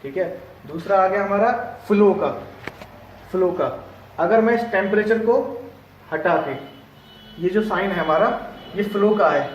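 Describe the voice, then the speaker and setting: A male instructor explaining a lesson step by step, often pausing to check that his students have understood. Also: high-pitched, dull audio, a little hiss or hum. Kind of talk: classroom lesson. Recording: echoey room, distant mic.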